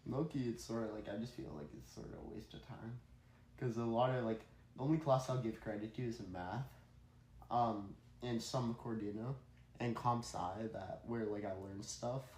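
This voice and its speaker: A man's voice: fairly low pitch, fairly even intonation, normal speed, a little mellow, reverberant, rough recording. A teenage boy in a casual chat, teasing and full of fillers.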